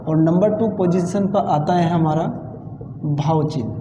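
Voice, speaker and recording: A man teaching an exam-prep grammar lesson, explaining slowly and repeating key points with pauses. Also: a little high, mellow, muffled recording, a little hiss or hum. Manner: slow, repetitive explaining with pauses. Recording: echoey room with long reverb.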